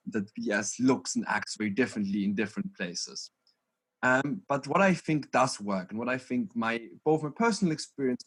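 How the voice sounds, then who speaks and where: A man's voice: medium pitch, husky. A young man from Vienna, speaking as a student union president on a panel in an earnest, methodical way over a video call. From Vienna, Austria. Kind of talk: panel discussion.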